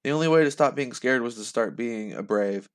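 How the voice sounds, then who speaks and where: A young man reading a novel aloud in a lively way, breaking off to laugh and comment. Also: medium pitch, a little fast. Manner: animated, laughs and breaks off mid-sentence. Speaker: reader reacting live.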